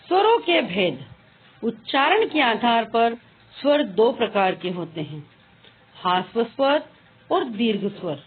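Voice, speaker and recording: A woman teaching a grammar lesson, speaking slowly and deliberately and drawing out each letter sound. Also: on the high side, sing-song, breathy edge. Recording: tinny phone-like sound.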